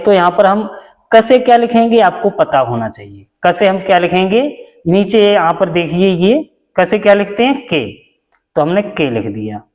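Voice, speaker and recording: A man's voice: sits high, big-room sound. A man teaching a basic lesson, patient and repetitive, asking questions and answering them himself. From India. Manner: patient, repeats each step, asks and answers own questions. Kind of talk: classroom lesson.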